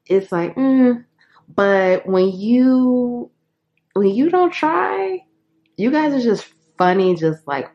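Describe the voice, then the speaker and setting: A woman's voice: low voice, darkish tone, muffled recording. A woman giving a casual tarot reading, chatty and frank, laughing often and leaning on fillers. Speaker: tarot reader.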